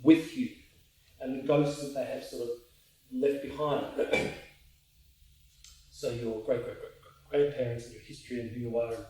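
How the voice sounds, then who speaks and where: Calm man guiding a drama class. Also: medium pitch. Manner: calm, guiding instructions with pauses. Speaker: drama workshop leader. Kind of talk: instructing a movement class. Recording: echoey room, voice from far off.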